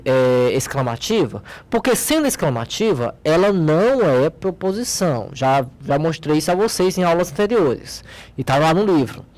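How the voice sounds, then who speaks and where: A man with a Brazilian accent teaching logic, patiently explaining an exercise at a board and checking in often with short questions to his students. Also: on the high side. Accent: Brazilian Portuguese. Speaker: math teacher.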